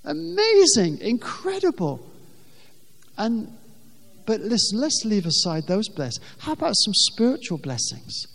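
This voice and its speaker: Brief: male preacher, high voice, emphatic, repeats words for weight, long hall echo. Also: huge pitch swings, unhurried, gravelly, fairly bright tone. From England. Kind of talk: sermon. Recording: long reverb of a large hall.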